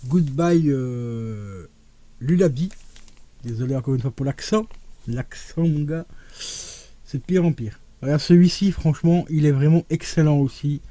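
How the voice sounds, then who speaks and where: A man chatting casually and enthusiastically to his viewers as he shows off his vinyl collection, talking to them like friends. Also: dry recording. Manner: animated, with sudden rises and drops in pitch and loudness. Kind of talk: casual unboxing vlog.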